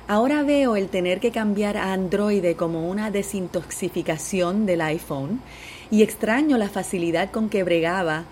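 A woman's voice: mid-range voice, a little mellow, slight background noise. Upbeat Puerto Rican woman hosting a podcast. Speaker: podcast host. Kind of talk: personal podcast intro monologue.

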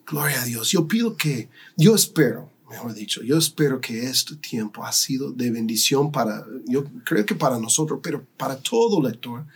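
A man co-hosting a podcast, telling a devotional story and acting out shouting crowds. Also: mid-range voice, animated, normal speed, hardly any pauses, breathy edge. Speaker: podcast co-host, pastor.

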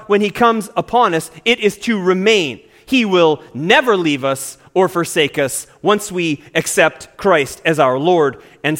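A male pastor delivers an earnest sermon in a high voice that swings widely in pitch. He leans hard on key words for emphasis. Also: fairly bright tone. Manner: earnest, preaching with emphatic stresses.

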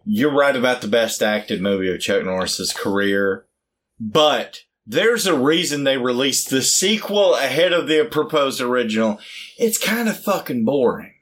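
A man co-hosting a casual podcast, bluntly and profanely arguing for his movie pick and getting animated. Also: medium pitch, a little slow. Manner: blunt, profane, animated, rising to shouts when excited. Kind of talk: casual debate chat.

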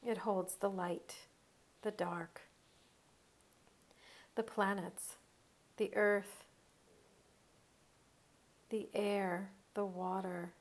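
A woman's medium-pitched, level voice guides a gentle meditation; she speaks slowly in short phrases and pauses at length between them.

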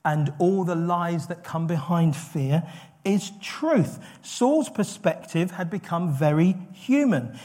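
A man preaching a sermon in an animated way, acting out quoted lines with rising intensity. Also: high voice.

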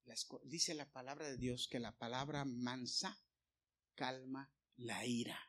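A man preaching a sermon to his congregation, moving from loud, emphatic appeals to quiet, hushed storytelling. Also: mid-range voice, fairly even intonation, unhurried. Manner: addresses listeners as brothers.

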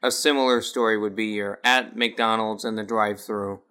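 Brief: deadpan male joker, low flat delivery, bright tone. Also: normal speed, clean tone. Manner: dry joking asides. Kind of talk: casual chat.

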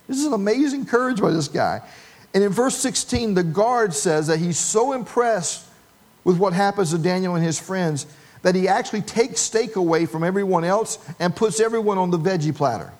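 A man's voice: sits high, expressive, normal speed. A man delivers a sermon in a slightly raised voice. He tells a long humorous story and gives the people in it voices. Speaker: pastor.

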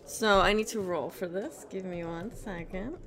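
A woman's voice: mid-range voice, moderate pace. A woman playing a tabletop game, talking in a thoughtful way. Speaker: player.

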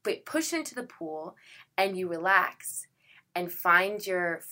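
A woman's voice: on the low side, expressive, slow pace, bright, forceful tone. A young adult actress, chatty and full of filler words, who acts out her own past thoughts while telling her story in an interview. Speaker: actress guest. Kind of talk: casual conversational interview.

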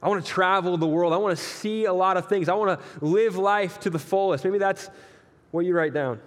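A young male pastor giving a laid-back, jokey sermon in a church hall. His voice sits fairly high for a man, and it rings out with a long echo off the walls. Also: a little fast. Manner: relaxed, joking, talks straight to the audience. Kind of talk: casual conversational sermon.

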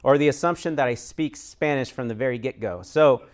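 A man's voice: mid-range voice, brisk. A man who works as a chaplain and pastor, leading a church discussion in a conversational way, with frequent fillers and light laughs. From United States.

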